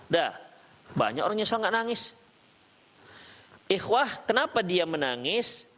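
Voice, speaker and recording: This is a man's high-pitched voice, giving a religious lesson in a relaxed, talky way. He keeps checking in with the audience through questions. He weaves recited Arabic verses and sayings into everyday explanation. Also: a little slow. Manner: conversational, quizzes the audience with questions. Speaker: Islamic preacher teaching a study circle. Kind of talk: religious study lecture.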